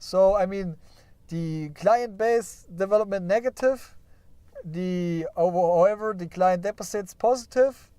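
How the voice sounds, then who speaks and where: Sitting high, warm and clean, this man's voice moves at a measured pace in a dry recording. A stock market streamer, he shares his screen and casually thinks through earnings, peppering his talk with "yeah?" and joking that the results make him want to cry.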